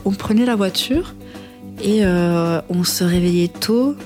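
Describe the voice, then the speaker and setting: Jeune femme hésitante, italien, posée. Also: female voice, lowish voice, a little slow, darkish tone, soft background music. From Italy. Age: 20s. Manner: hesitant, many fillers. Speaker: interviewee. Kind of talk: documentary interview.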